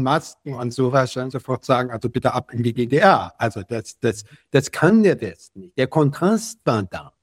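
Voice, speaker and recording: An older man from West Berlin answering interview questions at length, measured and often repeating words as he searches for them. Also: medium pitch, no echo, clean studio sound. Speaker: guest.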